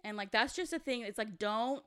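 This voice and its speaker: A young woman co-hosting a podcast, casually telling a personal story in an animated way, full of "like" and quick laughs. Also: on the high side, clear, resonant tone. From California. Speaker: podcast co-host.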